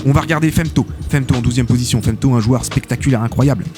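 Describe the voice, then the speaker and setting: A man casting a live esports tournament as host, excitable and chatty, full of filler interjections. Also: mid-range voice, fast talker. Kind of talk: live game commentary. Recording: game music behind the voice. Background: game music.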